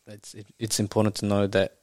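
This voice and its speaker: A man from Japan, a native Japanese speaker, chatting casually as an interview guest, halting and repeating phrases, with some Kiwi slang. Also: fairly low pitch, monotone, darkish tone, no echo, clean studio sound. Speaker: podcast guest, rugby player.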